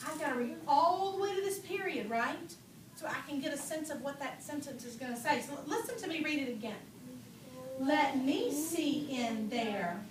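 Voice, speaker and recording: A woman teacher reading a picture book aloud to a class, slow and expressive, asking playful questions. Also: high-pitched, crowd noise. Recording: echoey classroom from far off, noisy.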